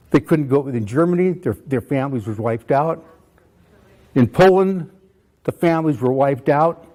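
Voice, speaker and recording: A man's voice: on the high side, darkish tone. A man in his eighties giving an impassioned talk to students, pleading and repeating phrases for emphasis. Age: 80s. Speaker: veteran speaker at a school.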